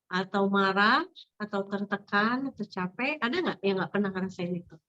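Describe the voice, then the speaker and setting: A woman's voice: mid-range voice, normal speed, lo-fi sound. A woman with an Indonesian accent giving an informal religious study talk to a migrant group, chatty, asking her listeners questions and laughing often. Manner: chatty and warm, asks the audience, laughs often.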